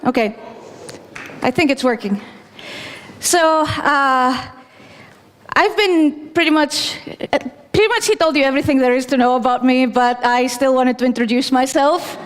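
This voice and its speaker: A woman's voice: high voice, unhurried, slight background noise. Conference speaker, woman from Greece, thirties, casual and self-deprecating, stage mic in a reverberant hall. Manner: chatty, self-deprecating, with fillers. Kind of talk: technical conference talk. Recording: long reverb of a large hall.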